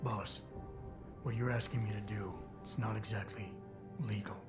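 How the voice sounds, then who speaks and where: A stoic cyborg security man acted by a male game actor, with a low voice and a terse, dry delivery. Music plays prominently behind him. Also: fairly even intonation, normal speed, close to an everyday voice. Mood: cool, guarded. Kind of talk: video game dialogue acting.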